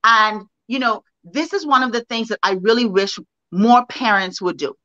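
A woman co-hosting a podcast, talking in a casual, animated way and asking her co-host for her thoughts. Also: fairly high pitch, moderate pace, dry recording. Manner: animated, conversational, asks her co-host questions. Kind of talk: casual discussion. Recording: dull lo-fi sound.

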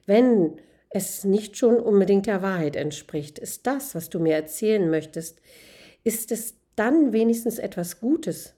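A calm old male philosopher who questions patiently, as a woman reads him aloud. He speaks in a measured way with a soft, mellow tone. He sounds like a figure from a gentle storybook. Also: high voice, pitched above the performer's own voice. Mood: probing.

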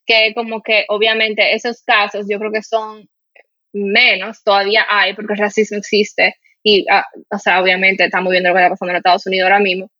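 Woman from Latin America, candid and reflective, chatty with fillers; bright tone, dry and slightly dull recording. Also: mid-range voice, monotone, fairly quick, no echo. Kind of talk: casual conversation.

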